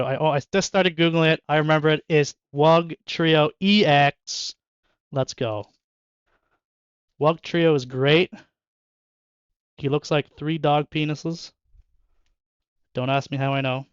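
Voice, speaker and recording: A man's voice: a little high, clear, resonant tone, no echo, highs cut off. A young man chatting casually and joking with viewers while opening card packs in his bedroom, laughing often. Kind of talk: casual chat with live chat. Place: bedroom at home.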